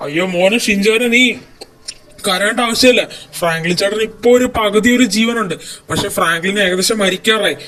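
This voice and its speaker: A man voicing a young man who urgently reports an accident, rambling and hurried. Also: high-pitched, bright, forceful tone, rough recording. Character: young man bringing urgent bad news. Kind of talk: amateur story voice acting.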